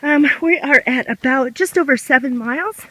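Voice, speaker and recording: Female vlogger, forward bright tone, chatting casually mid-race as she walks a trail, recorded outdoors on a handheld camera. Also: high voice, moderate pace, no room sound, low-quality recording. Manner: talking while walking a trail race. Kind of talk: casual vlog chat.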